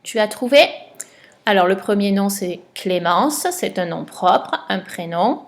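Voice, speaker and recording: A woman primary school teacher giving a recorded spelling lesson to a child at home, slow and patient, stretching out each word for dictation. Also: mid-range voice, lively intonation.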